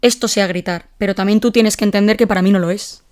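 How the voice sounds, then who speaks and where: A young woman with a Spain Spanish accent, a psychologist co-hosting a podcast, explaining things calmly with example dialogue. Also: mid-range voice, fast. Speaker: psychologist co-host. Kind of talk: casual podcast chat.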